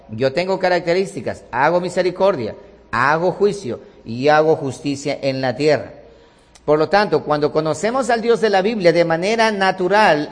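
A man's voice: fairly high pitch, long reverb tail. A man preaching a sermon, emphatic, with rhetorical questions and repetition.

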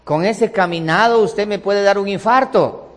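A man's voice: high voice, unhurried, big-room sound. A man voicing a husband calling flirtatiously to his wife in a sermon.

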